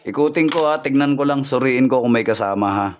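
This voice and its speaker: A man's voice: medium pitch, fairly quick. Man reading signs on a livestream. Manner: repetitive, thanks viewers by name, points things out. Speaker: folk healer livestreaming readings. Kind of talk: live-stream reading and viewer shout-outs.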